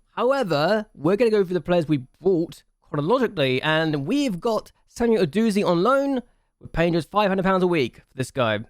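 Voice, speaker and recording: A man's voice: on the high side, dry recording, clean studio sound. A man hosting a game channel, chatting casually through his gameplay, thinking aloud and repeating himself for emphasis.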